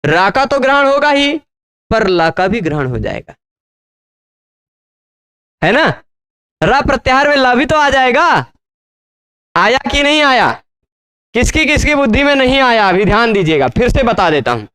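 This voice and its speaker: A man teaching grammar in a slow classroom lecture, spelling out syllables and often checking that students follow. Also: very high-pitched, very animated, pushed and bright, clean tone. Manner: patient, repeats syllables and checks understanding often.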